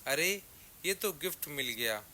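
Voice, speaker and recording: A greedy, easygoing goat in a children's story speaks slowly in a raised, bright voice, played by a male narrator. She sounds relaxed and always hungry. A faint hiss sits underneath. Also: a little high, heavily acted. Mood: cheerful. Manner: easygoing and food-loving. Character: greedy, good-natured female goat.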